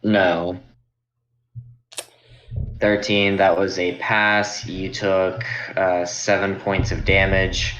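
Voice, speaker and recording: Man, very low pitch, slow measured pace, bright edge, game master, matter-of-fact casual narration. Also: little pitch movement, muffled recording, a little hiss or hum.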